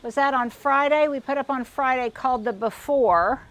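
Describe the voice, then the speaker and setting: A slightly high-voiced older woman walks viewers around her backyard garden. She talks casually and digresses, restarting phrases often, and sounds a little out of breath. She is recorded outdoors. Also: normal speed. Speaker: garden vlogger.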